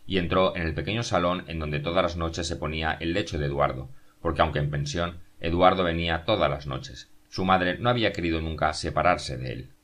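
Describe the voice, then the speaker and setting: Male audiobook narrator, very low voice, steady measured read.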